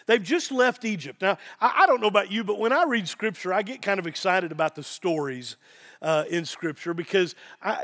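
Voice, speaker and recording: A man with an Appalachian accent giving an informal sermon as a pastor, earnest, excitable and folksy, repeating phrases for emphasis. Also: high-pitched. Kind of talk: sermon, informal Bible teaching.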